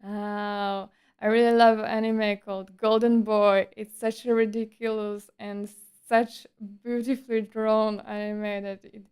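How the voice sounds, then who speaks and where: A woman's voice: medium pitch, flat delivery, measured pace, darkish tone, smooth. A woman streamer chatting casually in a livestream monologue, with a breezy, playful and slightly coy, teasing manner.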